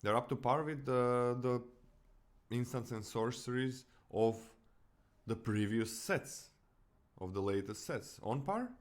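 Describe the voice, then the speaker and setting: A man's voice: medium pitch, slow. A man from Croatia with a Croatian accent, co-hosting a casual card-review podcast, often restarting and correcting himself. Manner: animated, many restarts and self-corrections. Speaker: podcast co-host.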